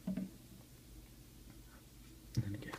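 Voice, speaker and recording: In a clip recorded on a phone, a male ASMR video host whispers softly and breathily while casually doing an unboxing. He takes his time and sounds a little hesitant.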